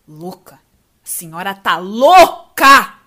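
A woman playing a rebellious young daughter who shouts back at her mother and pleads. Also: fairly high pitch, sing-song, slow. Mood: defiant. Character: defiant teenage daughter, rebellious.

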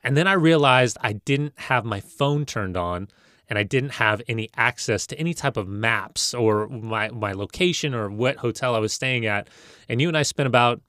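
A man's voice: mid-range voice, moderate pace, a bit bright, no room sound, clean studio sound. A middle-aged man hosting a casual interview in a rambling, familiar, anecdotal way. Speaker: interview host.

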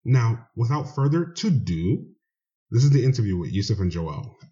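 A man's voice: medium pitch, big pitch swings, moderate pace, dark tone. A man hosting a show, introducing a guest in an earnest, conversational way. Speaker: host. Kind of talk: casual spoken introduction. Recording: dull lo-fi recording.

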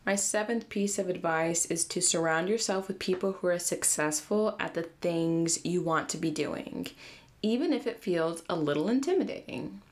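Young woman, slight lisp, lower-pitched, chatty and earnest, casual solo podcast host. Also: normal speed.

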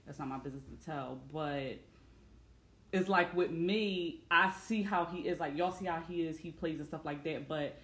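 A woman's voice: low voice, moderate pace. A woman hosting a casual chat, telling stories and acting out what people said. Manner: animated storyteller, acts out quotes. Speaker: podcast host. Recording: echoey room.

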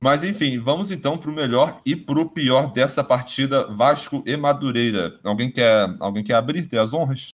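A man's voice: medium pitch, normal speed, hardly any pauses. A Brazilian man hosting a casual sports podcast, rambling and swearing freely with lots of restarts. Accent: Brazilian Portuguese. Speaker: podcast host.

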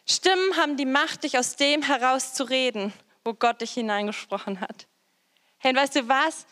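A woman with a high voice delivers a sermon, addressing her listeners directly and returning again and again to the same phrases. Her words ring out with the long reverb of a large hall. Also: moderate pace, a bit bright. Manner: direct, repeats phrases, addresses listeners with "hey, weißt du was". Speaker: preacher.

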